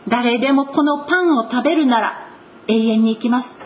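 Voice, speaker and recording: A woman gives a sermon from the pulpit, leaning on important words with slow, earnest emphasis. Her voice sits a little high. A faint hiss of room noise runs underneath. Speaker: pastor.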